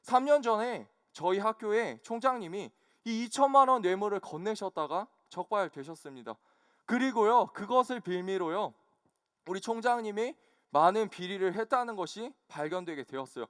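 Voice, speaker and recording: High-voiced young preacher, dry close sound. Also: male voice, expressive, a bit bright, clean tone, dry recording. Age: young adult. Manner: earnest personal testimony with frequent polite -요 pauses. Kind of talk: sermon.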